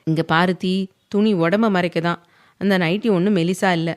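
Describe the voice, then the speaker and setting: A woman's voice: on the low side, steady tone, moderate pace, smooth, close to an everyday voice. A woman voicing a stern, teasing, possessive young husband in an audio novel, reading his lines firmly. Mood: firm, tender.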